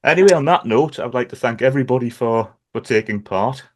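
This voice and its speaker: A man's voice: mid-range voice, brisk. A man with a Gateshead accent from North East England, chatting casually as a podcast host. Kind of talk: casual chat.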